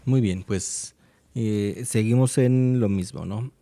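Man, low voice, very warm and dark tone, measured explanations, casual faith talk. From Mexico. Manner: measured, explanatory, pauses with fillers. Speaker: guest speaker.

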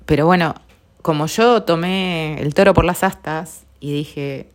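A woman's voice: sits low, measured pace. A middle-aged woman with a Rioplatense Spanish accent, hosting a podcast in an earnest, reflective tone that often sinks to a near whisper. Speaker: podcast host. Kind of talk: reflective personal talk.

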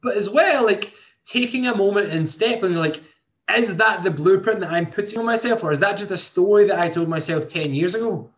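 A man in his 20s, a podcast host and coach, earnestly hosts a motivational show, thinking aloud with many restarts. His voice sits high and sounds brisk and a bit bright. The recording has a dull lo-fi quality.

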